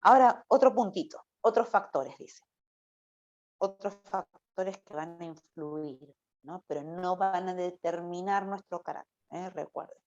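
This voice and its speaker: Speaking at a measured pace in a lowish voice, a woman delivers an informal Bible teaching sermon to a church youth group. Her style is conversational, and many phrases end with a questioning "no?". The recording sounds dull and lo-fi.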